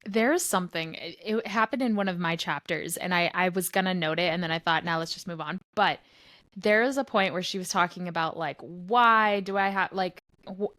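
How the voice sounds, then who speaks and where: A woman chats on a book club podcast she co-hosts. She reacts to the story with dry, sarcastic humor in a relaxed, conversational way. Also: fairly low pitch, brisk, no echo. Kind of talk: casual chat reacting to a book.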